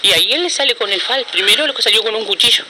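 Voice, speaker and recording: A woman's voice: on the high side, expressive, very fast, pushed and bright. A middle-aged woman with an Argentine accent, the victim's aunt, telling what happened in an urgent, repetitive way with many restarts, interviewed outdoors. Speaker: victim's aunt giving testimony. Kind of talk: street interview. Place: outdoor courtyard by a building. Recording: noisy outdoor news footage.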